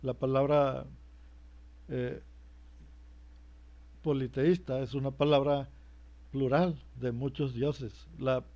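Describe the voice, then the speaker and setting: A man's voice: medium pitch, little pitch movement, slow, long pauses, mellow. A man giving a religious teaching, hesitant, repeating words and asking himself rhetorical questions. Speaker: preacher. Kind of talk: sermon-style religious teaching. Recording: muffled lo-fi recording.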